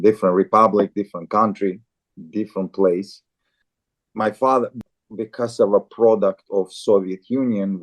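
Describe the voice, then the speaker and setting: A man in his forties from Azerbaijan, a guest in an interview, speaking haltingly with many repeated and restarted words. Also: deep voice. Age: 40s. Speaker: guest, farrier and show jumper. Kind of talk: casual interview talk.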